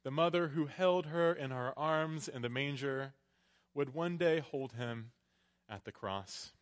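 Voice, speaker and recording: Slow, higher-voiced male preacher in echoing church. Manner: measured, deliberate phrasing with pauses between short phrases. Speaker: preacher, priest. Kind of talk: Christmas Eve sermon from the pulpit. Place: large church. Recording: echoey hall with long reverb.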